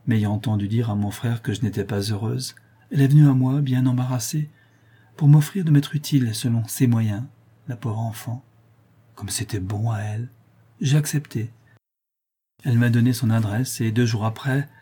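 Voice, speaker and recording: A man's voice: mid-range voice, normal speed, dark tone, husky, natural voice. A man voicing a weary working mother in a hospice, speaking in a hesitant, tender and sad way. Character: weary working woman, mother, sister of a prisoner.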